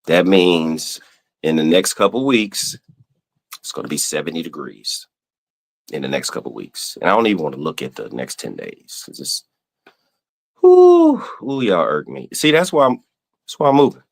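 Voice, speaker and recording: A man's voice: extremely low pitch, sing-song, normal speed, creaky. A man with a Southern US accent, hosting a podcast, rants casually and swears with playful exasperation. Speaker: podcast host. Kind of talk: casual ranting monologue.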